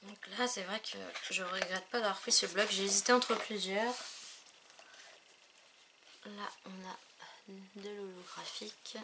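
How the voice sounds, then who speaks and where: A woman's voice: mid-range voice, steady tone, measured pace, pauses often, background noise. A woman presenting a craft supply haul in a casual, admiring way, often trailing off with fillers. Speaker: crafting vlogger. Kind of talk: casual show-and-tell haul. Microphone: camera on tripod.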